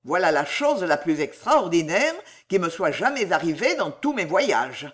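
A narrator voicing an excitable, easily outraged elderly gentleman in an audiobook, his lines loud and exclaimed. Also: mid-range voice, normal speed. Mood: indignant.

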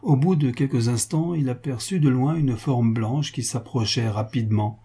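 A man giving a measured, scripted reading of a novel as an audiobook narrator. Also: mid-range voice, warm tone, husky.

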